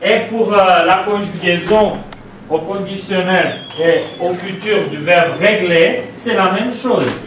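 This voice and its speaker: A man with a Romanian accent teaches French spelling in a classroom, speaking slowly with many pauses and repeated words. His voice sits fairly high for a man. It is picked up from across a very echoey room, with faint background noise. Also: a bit bright, distant mic. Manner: slow, halting delivery with frequent "euh", spelling out letters and repeating words. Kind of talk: classroom lesson on spelling rules.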